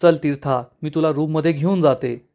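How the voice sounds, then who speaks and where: A sharp-tongued, domineering mother-in-law who snaps at everyone around her, as a man reads her part. The voice is fairly high with a mellow softness. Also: normal speed, creaky. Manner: harsh, snapping.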